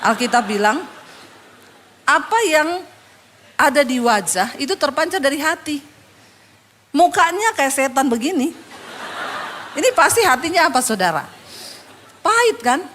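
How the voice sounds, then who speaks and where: A woman's voice: high-pitched, sing-song, unhurried, pauses often, a bit bright, a little hiss or hum. A woman pastor telling a story in a sermon. She speaks with humor and talks directly to the congregation.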